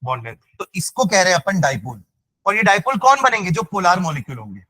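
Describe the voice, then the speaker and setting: A male chemistry teacher lecturing a class, asking students again and again whether they follow and dictating notes slowly, with phrases. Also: high-pitched, very animated, sharp tone, no echo.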